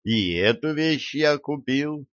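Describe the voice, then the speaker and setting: Man reading Archer, a slow calm schemer. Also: a little high, no echo, muffled recording, pitched above the performer's own voice. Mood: calm scheming. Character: bitter male schemer Archer, calm and smiling.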